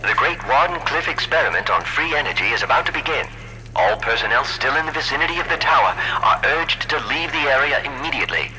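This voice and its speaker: A blaring loudspeaker announcer. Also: male voice, mid-range voice, very animated, fast talker, rough recording. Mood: urgent. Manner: urgent, formal announcing. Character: male public-address announcer, urgent and official.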